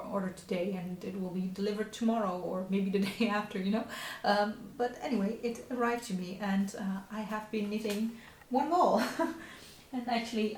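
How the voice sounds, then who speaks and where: The recording has a noticeable room echo with faint hiss beneath as a thirty-something Dutch woman, a knitting podcast host, speaks accented English, her second language, in a mid-range voice. Her show-and-tell chat about her knitting is casual and halting, with frequent fillers, restarts and little laughs.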